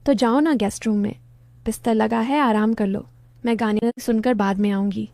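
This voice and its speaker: एक महिला कहानी में एक शरारती, छेड़ने वाली युवा विवाहित बहन की आवाज़ देती है।. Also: female voice, a little high, steady tone, moderate pace, a little mellow, dry recording, clean studio sound, natural voice. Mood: teasing. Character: playful teasing young married woman, sister.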